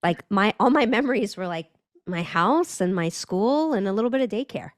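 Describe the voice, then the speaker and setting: A woman's voice: medium pitch, expressive, normal speed, dry recording, studio quality. A woman from Northern California, a brand strategist talking as a podcast guest, thoughtful and searching, with frequent restarts. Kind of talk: reflective conversational interview.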